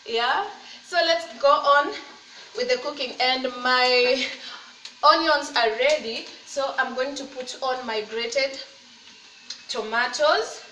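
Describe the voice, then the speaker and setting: Speaking slowly in a high-pitched, sharp voice with a little hiss or hum, a woman in her thirties cooks in her home kitchen and chats casually. The vlogger, a mother, stays upbeat, encourages her viewers and brings up her faith. A desk-distance laptop or phone camera gives a roomy, slightly distant recording with faint ambience.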